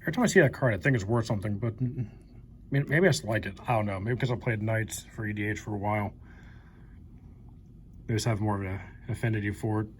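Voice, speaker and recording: A man's voice: lowish voice, fast talker, slight background noise. Chatty young man flipping through cards. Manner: chatty, upbeat, naming cards one by one. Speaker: card collector channel host. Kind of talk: casual card-opening commentary. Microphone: handheld camera mic.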